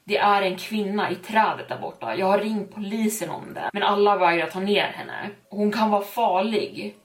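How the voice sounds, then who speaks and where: A woman's voice: mid-range voice, close to an everyday voice. A woman voicing a frightened, nervous man pleading with his neighbor in a read-aloud horror story. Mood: urgent. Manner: anxious, pleading. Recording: roomy with faint music.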